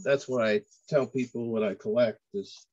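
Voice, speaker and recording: A man's voice: medium pitch, steady tone, moderate pace, darkish tone. A sixty-year-old man joking offhandedly on a video call. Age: 60s. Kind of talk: casual video call chat. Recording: dull lo-fi call audio.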